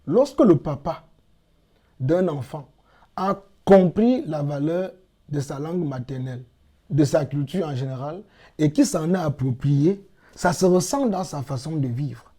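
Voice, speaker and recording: A middle-aged language teacher from Cameroon answers interview questions as a guest, explaining things patiently and repeating key phrases for emphasis. His mellow, warm voice sits a little high for a man, slightly rough, with lively intonation, and his manner is measured and explanatory.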